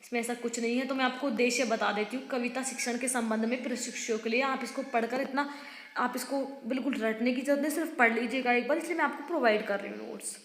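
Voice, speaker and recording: A woman with a fairly high, bright voice reads exam study notes aloud like a tutor, sometimes stumbling and restarting and making quick informal asides to her students. Long, echoing reverb fills the room, with slight background noise.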